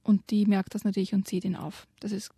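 A woman's voice: medium pitch, little pitch movement, brisk, warm tone, husky, dry recording. A woman reading aloud from a children's book and retelling the story, dropping to a whisper for suspense. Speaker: guest presenting a children's book.

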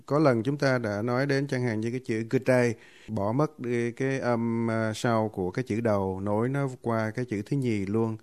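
A man hosts a language lesson, asking his guest questions in a polite, deferential way. His voice sits at a middle pitch. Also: fairly even intonation, normal speed, darkish tone. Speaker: host. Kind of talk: interview host asking questions.

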